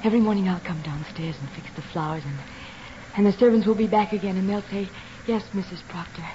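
An actress as a clinging, scheming young houseguest. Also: female voice, medium pitch, fast, mellow, lightly acted. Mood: possessive. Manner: pleading, then coldly possessive. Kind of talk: 1940s radio acting. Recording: dull old radio broadcast, faint hiss.

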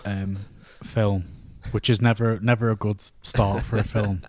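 A man's voice: on the low side, little pitch movement, a little slow, darkish tone, no room sound. A middle-aged British man co-hosting a podcast, chatting casually about films in a blunt, sweary way. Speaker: podcast co-host. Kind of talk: casual film review chat.

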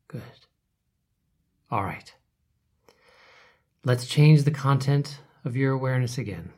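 A man leading a guided relaxation meditation, speaking softly and calmly, his phrases trailing off into whispers. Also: mid-range voice, husky. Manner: soft, calm, trailing off to whispers.

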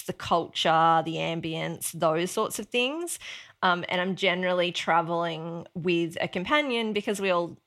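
An Australian woman with a slightly low voice talks openly as a podcast guest. She is matter-of-fact and relaxed, and scatters ums and small laughs through her answers. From Mount Isa, Queensland, Australia. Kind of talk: conversational podcast interview.

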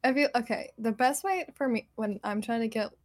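A woman's voice: a little high, brisk, dry recording. A woman chatting on a live stream from her home desk, giggly and often trailing off and restarting. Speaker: streamer guest. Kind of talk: casual live-stream chat.

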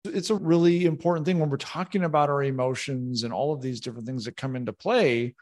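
A man's voice: medium pitch, fast, darkish tone. A man talking conversationally as a podcast co-host. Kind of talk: conversational discussion.

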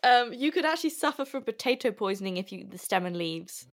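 A woman's voice: a little high, expressive, fast talker. Giggly woman explaining facts casually. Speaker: podcast co-host presenting research. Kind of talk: casual podcast chat.

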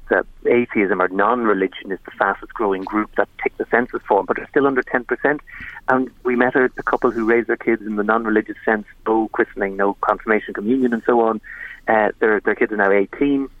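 A man's voice: fairly low pitch, no echo, narrow, tinny audio. A man with an Irish accent from County Monaghan, talking conversationally as a guest in a radio interview. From Monaghan, Ireland. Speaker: documentary presenter being interviewed.

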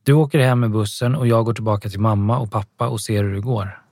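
A man's voice: lowish voice, steady tone, darkish tone, no room sound, studio quality, natural voice. A man reading an ashamed teenage girl. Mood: anxious.

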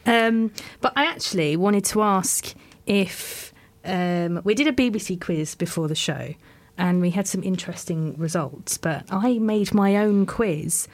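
A woman's voice: lowish voice, animated, a little slow, hardly any pauses. A young woman, chatting casually as a talk show panelist and quizmaster. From London, England. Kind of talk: casual chat.

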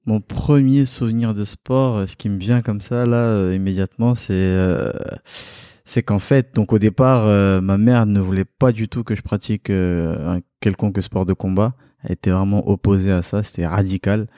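A man's voice: lowish voice, steady tone, moderate pace, warm tone, clear, resonant tone, no echo, clean studio sound. A man from Cameroon, a guest in a home interview, talking candidly and reflectively and laughing easily. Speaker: podcast guest, kickboxing champion. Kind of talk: relaxed interview talk. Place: living room at his home.

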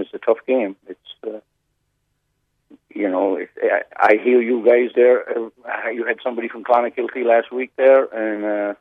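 A man with a North Cork Irish accent and an American twang, chatting casually and haltingly as a guest, with repeated words. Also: fairly low pitch, creaky, husky, no echo. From North Cork, Ireland. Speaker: radio phone-in guest, pub owner. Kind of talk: casual chat. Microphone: telephone. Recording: narrow-band radio phone line.

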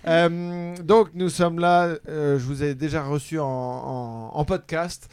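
A man's voice: a little high, fairly even intonation, slow, darkish tone, clear, resonant tone. Joking hesitant male podcast host. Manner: joking, hesitant with many fillers. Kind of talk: casual chat. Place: small theatre venue.

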